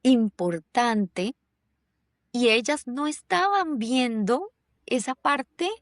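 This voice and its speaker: A slightly high, expressive female voice speaks very slowly in a clean studio recording without echo. She's a Germany-based podcast host whose conversational, reflective talk is full of fillers and restarts.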